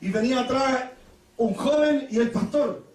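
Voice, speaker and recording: A Chilean man preaching a Pentecostal sermon, telling stories with laughter and sudden shouted praises. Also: very high voice, moderate pace, recorded from a distance. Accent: Chilean Spanish. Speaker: pastor. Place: church hall. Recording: echoey church hall, mic from afar.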